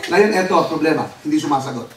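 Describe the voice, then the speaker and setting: A man preaching as pastor, telling a story in an animated way and mixing in English words. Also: on the high side, very fast. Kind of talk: sermon. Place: church hall. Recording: echoey hall, distant mic, noisy.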